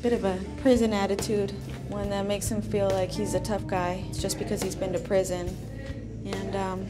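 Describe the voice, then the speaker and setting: A woman's voice: medium pitch, flat delivery, normal speed. Woman jail officer talking over music. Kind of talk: casual unscripted talk. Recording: music under reality TV audio.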